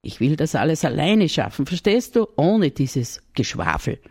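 A woman with an Austrian accent voicing a gruff, stubborn young shepherd girl who talks curtly and scolds. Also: low-pitched, sing-song, normal speed, a little mellow, no echo, studio quality, heavily acted. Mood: scornful. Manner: curt, scolding, grumbling.

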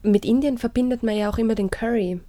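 A woman's voice: on the high side, steady tone, quick pace, warm tone, no echo. A woman hosting a radio interview, asking friendly prompting questions. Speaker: host.

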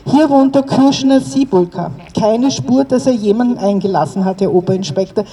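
A woman reading a story aloud and voicing a frightened but quick-witted woman caretaker who pleads with a police officer, her voice pitched up and pressing. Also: warm tone, close to an everyday voice. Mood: urgent pleading. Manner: urgent, pleading, raised pitch. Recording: distant mic outdoors with faint ambience.

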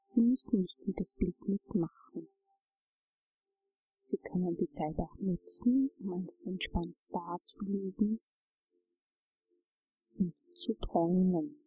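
A woman narrating a guided relaxation journey, giving calm, soothing instructions. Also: lowish voice, takes it slowly, long pauses, slightly rough, poor audio.

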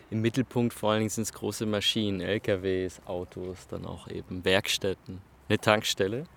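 A man reports from an outdoor industrial site, describing his surroundings slowly and deliberately. His voice is fairly low, and he takes his time over each item.

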